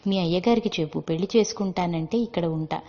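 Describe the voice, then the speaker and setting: A woman's voice: fairly low pitch, fast, mellow. A woman voicing a loving, worried old great-grandmother over 60, speaking in an earnest, coaxing way in a storybook reading. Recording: dull lo-fi with long reverb.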